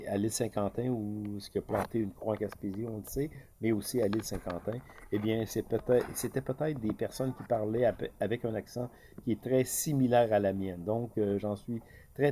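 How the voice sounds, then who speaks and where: His voice is on the low side and mellow, with a little hiss or hum on the recording. This Quebec-born market commentator, carrying a Québécois French accent, talks casually and haltingly, full of fillers and false starts.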